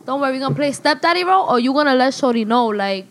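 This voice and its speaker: A woman's voice: high voice, expressive. A woman co-hosting a casual podcast, chatty and slangy. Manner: chatty, slangy, quick to laugh. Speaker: podcast co-host. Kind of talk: casual chat.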